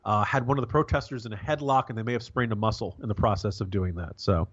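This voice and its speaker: An American man giving casual, wry political commentary as a podcast co-host, halting and rambling with a sarcastic bent. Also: lowish voice, muffled recording.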